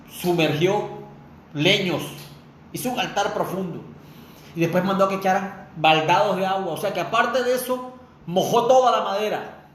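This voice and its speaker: Fervent high-voiced preacher, echoey room. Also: male voice. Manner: fervent preaching with rhetorical questions to the listener. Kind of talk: sermon. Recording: echoey room with faint noise.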